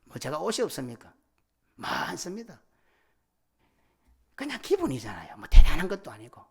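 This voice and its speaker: A middle-aged man preaching a sermon as senior pastor, swinging from loud cries to hushed whispers. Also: fairly high pitch, wildly swooping pitch, moderate pace, vocal fry, slightly rough. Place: church sanctuary.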